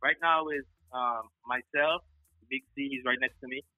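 A man chats loosely in an interview, his voice very bright and sharp. He often tags on "you know what I mean." The sound is dry and close, with faint music behind him. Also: mid-range voice, steady tone, moderate pace, no echo, rough recording. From Guyana. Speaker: sound clash selector. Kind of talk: casual interview chat.

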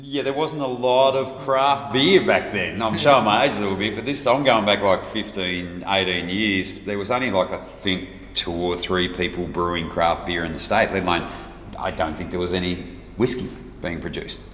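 A middle-aged Australian man who works as a whiskey brand ambassador chats casually as a guest, rambling, joking, and poking fun at himself. His voice is low-pitched and a bit bright at a moderate pace. The space sounds roomy and reverberant with faint noise.

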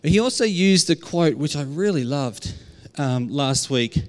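A man's voice: a little high, expressive, a little slow. A man with a broad Australian accent preaching an informal sermon in an earnest, conversational way. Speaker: preacher at a church.

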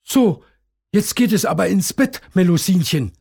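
A man's voice: high voice, lively intonation, normal speed, creaky, dark tone, slightly rough, voice pushed up, heavily acted. A man voicing a patient, good-humoured merman father who is used to the same bedtime fuss every evening.

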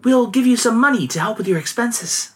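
A man's voice: extremely high pitch, expressive, fairly quick, pitched above the performer's own voice. A man voicing a sorrowful young widow who speaks in a plaintive, formal old-fashioned way. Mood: calm.

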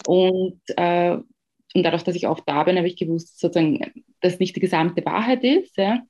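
A woman from Ghana, a guest answering interview questions in a measured, thoughtful way with frequent pauses to find words. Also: on the low side, dark tone, dull audio. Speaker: guest, education researcher.

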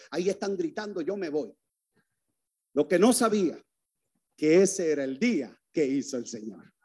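A man's voice: high-pitched, warm tone. A man preaching his conversion testimony to a congregation, telling it dramatically and speaking straight to the listeners. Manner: dramatic storytelling, addresses the audience directly.

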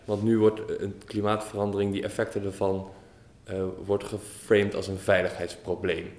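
A male interviewer calmly summarizing and adding to his guest's points. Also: fairly low pitch, normal speed. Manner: calm, summarizing, with short agreeing replies. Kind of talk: conversational interview. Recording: roomy echo.

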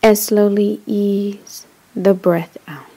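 In a low-quality recording, a woman with a mid-range, breathy-edged voice leads a guided meditation. She speaks steadily in a soft, whispery, spa-like way, soothing and measured, leaving pauses between short phrases.

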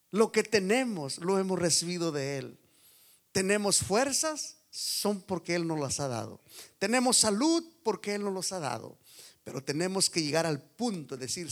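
A man's voice: a little high, creaky. Impassioned male Spanish-language preacher. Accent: Puerto Rican Spanish. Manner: preaching with wide swings from hushed to loud. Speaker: pastor. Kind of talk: sermon.

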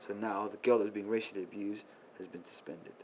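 A man's voice: lowish voice, steady tone, fast, a little hiss or hum. A man, co-hosting casual podcast banter with slangy, insistently restarted phrases. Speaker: podcast co-host.

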